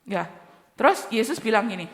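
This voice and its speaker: A woman teaching Sunday school, telling a story to young children in a sing-song voice. Her voice is high and swings widely, with a long reverb ringing behind it. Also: very animated, moderate pace, a bit bright.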